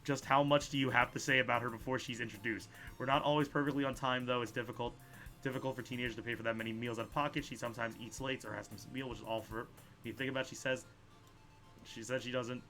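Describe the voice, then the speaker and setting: This let's play host is a fast-talking man with a medium-pitched voice, narrating a video game playthrough over soft background music. He voices the dialogue in a lively way, stumbles on words now and then, and throws in personal asides.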